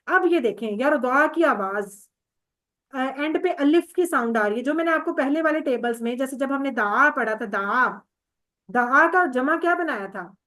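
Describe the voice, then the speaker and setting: Woman teacher with a Pakistani Urdu accent, high voice, patient, drills verb conjugations and calls on students. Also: expressive, fairly bright tone. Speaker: Arabic grammar teacher. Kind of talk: online class teaching.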